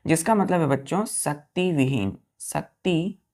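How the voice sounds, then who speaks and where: A woman gives a vocabulary lesson in a warm, low voice at normal speed, speaking with an Indian accent. Addressing the students as children, she spells each word letter by letter, says it again, and checks their understanding with questions.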